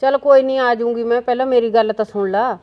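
A woman's voice: a little high, steady tone, fast talker, close to an everyday voice. Woman playing a placating village aunt. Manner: placating, keeps saying it's alright. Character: peacemaking village aunt, patient and chatty. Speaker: aunt of the family. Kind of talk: rural comedy-drama acting. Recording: slightly dull lo-fi sound.

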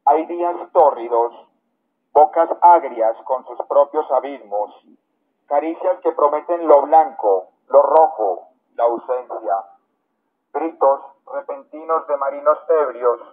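A man recites poetry at a public event in an outdoor park, his mid-range voice unhurried. The sound is phone quality, thin and band-limited like a megaphone heard outdoors.

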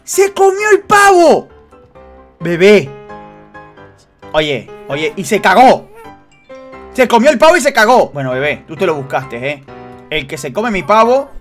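A man commentating a horror game for his viewers, joking and teasing, dropping to hushed suspense and then bursting into shrieks. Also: high voice, big pitch swings, normal speed, soft background music. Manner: swings between hushed suspense and sudden loud shrieks. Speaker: gaming youtuber. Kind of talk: excited let's-play commentary.

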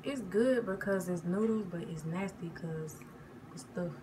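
Young woman, lowish voice, casual matter-of-fact vlog chat, noisy home sound. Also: a little slow. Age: young adult. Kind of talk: casual eating-challenge chat. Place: living room at home. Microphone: device at arm's length. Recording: clearly noisy home recording.

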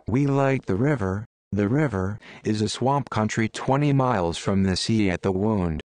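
A man reads a story aloud in a low voice, flat and a little halting. The recording is dry and close, with no room sound. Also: no echo. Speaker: reader.

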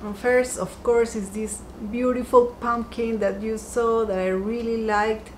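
Seated by a window in her home dining room, a chatty home decor vlogger shows off her finds in a casual shopping haul. Her fairly high voice holds a steady tone at a measured pace, upbeat and lingering softly over each item, with poor audio and a little hiss or hum.

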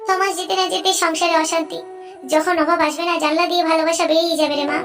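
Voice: very high-pitched, steady tone, quick pace, music in the background. A performer voicing a cautious, worried middle-aged mother in a cartoon, warning and sorrowful. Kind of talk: cartoon voice acting.

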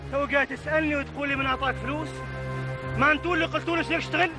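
A brash young man talks fast and insolently. His voice sits very high. Music plays beneath the dialogue. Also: steady tone, sharp tone. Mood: defiant. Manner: boastful, insolent. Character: defiant young man Hamoud, arrogant toward his family. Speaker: actor. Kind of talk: TV drama acting. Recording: drama audio with music underneath.

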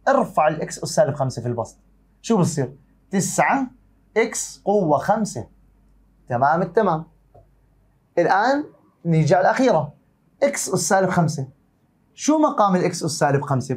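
A man with a Jordanian accent teaching an exam-prep math lesson, warmly calling his students dear and asking and answering his own questions. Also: on the high side, breathy edge. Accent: Jordanian Arabic.

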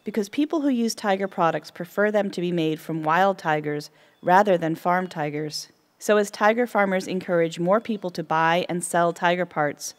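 A woman reading scripted nature documentary narration with a measured, earnest delivery. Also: on the low side. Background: music.

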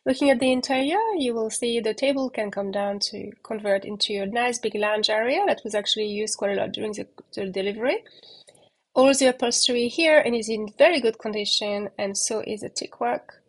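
A woman giving a relaxed, chatty walking tour of a catamaran, talking outdoors on deck into a handheld phone camera, with plenty of fillers. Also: on the high side, fairly quick. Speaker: yacht broker giving a boat tour.

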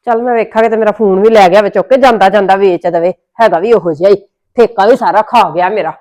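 Speaking fast in a darkish, mid-range voice, a Punjabi-accented actress plays the fed-up elder sister in a family drama web series. She scolds and complains throughout the scene.

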